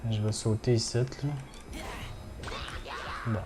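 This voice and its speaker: Over music, a man with a Québécois French accent chats casually with viewers during a gaming livestream. His voice sits on the low side with a level tone and slow pace, and he swears often.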